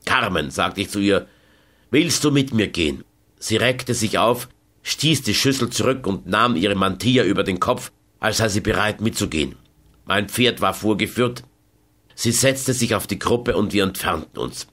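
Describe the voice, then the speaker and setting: Male audiobook narrator, measured and dramatic. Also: lowish voice, a bit bright. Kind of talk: scripted first-person narration.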